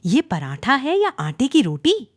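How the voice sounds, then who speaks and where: A woman putting on a nagging older mother-in-law from a cartoon, her voice pitched high and loud, sharp with taunts. The recording is dry and close. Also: wildly swooping pitch, measured pace, no echo, full character voice. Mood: taunting. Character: stern scolding older Indian mother-in-law.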